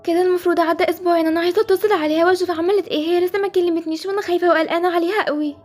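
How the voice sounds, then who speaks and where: A woman's voice: very high-pitched, steady tone, racing, a little mellow, faint music behind. A woman with an Egyptian accent voicing a sweet, hopeful schoolgirl who has just arrived at a home, speaking earnestly in a game-animation story. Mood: anxious. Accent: Egyptian Arabic.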